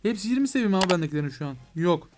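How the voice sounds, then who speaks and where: A young man with a high voice gives quick, excitable commentary while playing a mobile game. He talks straight to his viewers and to the game itself, breaking into mock frustration when things go wrong. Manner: excitable, addresses viewers as "gençler". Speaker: gaming YouTuber.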